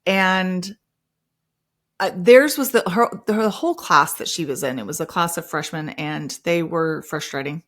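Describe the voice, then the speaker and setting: A woman's voice: lowish voice, measured pace. A woman hosting a podcast, telling personal stories in a chatty way and acting out playful quotes. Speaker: podcast host; mother of several children. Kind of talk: casual podcast monologue.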